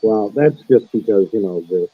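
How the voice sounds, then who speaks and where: A man's voice: fairly low pitch, lively intonation, slightly rough, no echo. Muffled man, as if through a wall. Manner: halting, trailing off mid-sentence. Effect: muffled, as if heard through a wall. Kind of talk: casual chat.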